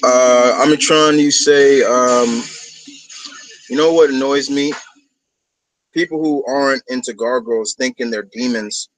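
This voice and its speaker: Male fan host: casual, enthusiastic, rambling, mid-pitched, very dry close sound. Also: fairly even intonation, a little slow, long pauses, no echo, faint music behind, poor audio. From New York, United States. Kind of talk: casual chat.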